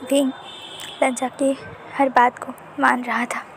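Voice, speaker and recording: A woman's voice: high-pitched, little pitch movement, slow, creaky, fairly bright tone, a little hiss or hum. A woman narrating a fan fiction story emotionally, acting out its dialogue. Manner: emotional retelling with acted dialogue.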